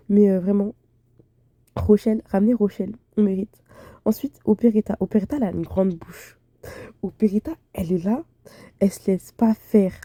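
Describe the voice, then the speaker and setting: Gushing young woman with a dark, mellow voice. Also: mid-range voice, dry recording. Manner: gushing, slangy, rambling. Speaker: YouTuber. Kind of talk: casual fan commentary.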